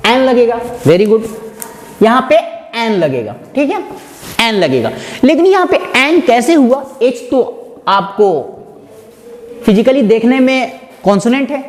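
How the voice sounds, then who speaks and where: A man teaching English grammar, asking his listeners questions and answering them himself while calling them "my dear friend". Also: very high-pitched. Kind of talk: explanatory classroom lesson. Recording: echoey hall with faint noise.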